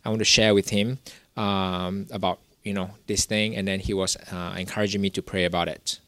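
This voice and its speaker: A man's voice: low voice, flat delivery, a little fast, a bit bright, no room sound. A young man from Singapore, telling a personal story in a rambling way, full of fillers and restarts. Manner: rambling, many "you know" fillers and restarts. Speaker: guest telling his story. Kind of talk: casual testimony.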